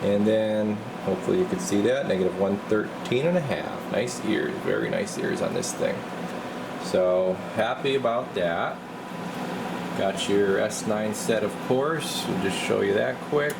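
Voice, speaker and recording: A fairly low-pitched man with vocal fry talks unhurriedly while presenting his radio repair bench work. He narrates each step to himself in an informal, hands-on demonstration. A loud steady hiss fills the noisy workshop recording.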